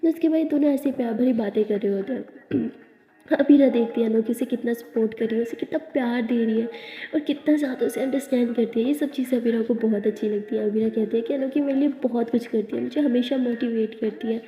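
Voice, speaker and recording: A woman's voice: fairly high pitch, brisk. A woman narrating a love story in a chatty, casual way, dropping in English words. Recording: echoey room, dull lo-fi sound.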